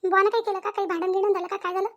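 Lady doing a bossy cartoon village mom, squeaky high, rattles off questions. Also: highs cut off. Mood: fussing. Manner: excited, rapid questions, nagging. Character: fussing village mother, loud and bossy. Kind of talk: cartoon voice acting.

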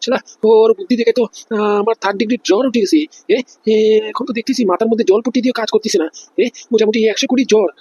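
A man's voice: high-pitched, steady tone, rapid-fire, darkish tone, slightly rough, highs cut off. A man voicing a panicky, feverish male police officer who takes bribes, whining and flustered in a cartoon comedy. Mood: groaning. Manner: whiny, flustered, keeps asking "understand?".

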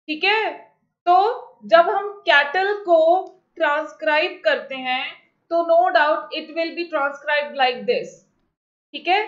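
Slow-spoken woman teacher in echoey room. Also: extremely high pitch, a bit bright. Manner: slow deliberate English, quick Hindi explanations, repeats questions. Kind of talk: online exam-prep class, mixing Hindi and English. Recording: echoey, dull lo-fi audio.

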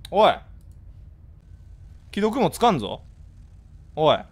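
A man with a Kansai accent chatting casually with his live-stream viewers, blunt and scolding in rapid-fire retorts. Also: sits high, sing-song, husky. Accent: Kansai Japanese.

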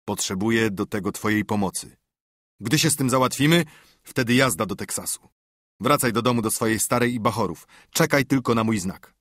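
A man voicing a vengeful, scheming outlaw in an audiobook, curt and threatening, with a husky voice. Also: fairly low pitch, a little fast, fairly bright tone, no echo, clean studio sound. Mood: menacing. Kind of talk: audiobook character voice.

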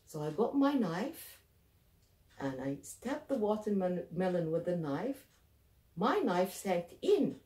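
A woman telling a children's folk tale with a lively, swooping voice. She narrates expressively, recorded in a roomy space a little away from the mic. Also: fairly low pitch, slow pace, recorded from a distance. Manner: animated, expressive. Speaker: storyteller. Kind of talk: oral storytelling for children.

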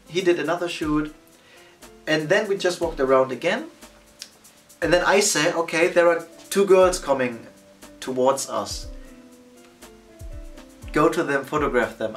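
A man in his thirties talking casually to the camera as a photography vlogger, animated and gesturing with both hands. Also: on the high side, recorded from a distance. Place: indoor studio against a plain backdrop.

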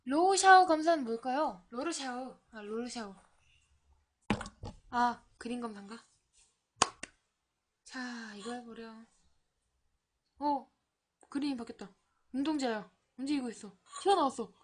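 High-voiced woman murmuring through a game. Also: unhurried, long pauses. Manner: murmurs quietly to herself while playing. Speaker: game streamer. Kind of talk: live game commentary, reading story text aloud.

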